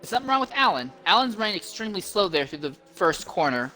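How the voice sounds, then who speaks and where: A man's voice: sits high, very animated, fast, sharp tone, a little hiss or hum, rough recording. A man giving detailed live play-by-play as a motorsport commentator.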